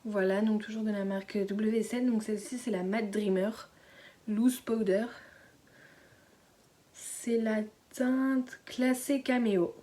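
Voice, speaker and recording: A teenage girl chatting casually through a beauty haul at home, speaking softly and often slipping into a whisper, with lots of fillers and restarts. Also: medium pitch, steady tone, takes it slowly. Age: late teens. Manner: hushed, often dropping to a whisper. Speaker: beauty vlogger. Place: at home indoors.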